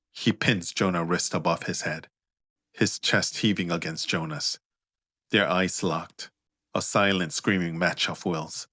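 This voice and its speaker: Male author-narrator, very deep voice, steady audiobook read. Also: no room sound, clean studio sound.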